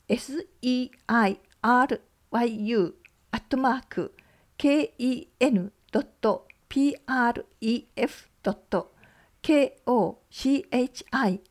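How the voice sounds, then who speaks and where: A woman radio announcer reading community event notices, working through lists of places and numbers in a measured way. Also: a little high, a little mellow.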